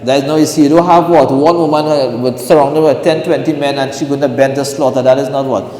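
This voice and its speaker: A man's voice: medium pitch, steady tone, quick pace, dark tone. A man, a mufti, teaching Islamic law in a lecture class, who keeps checking his listeners with "right?" and "what?". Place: mosque hall. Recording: roomy hall echo, faint hiss.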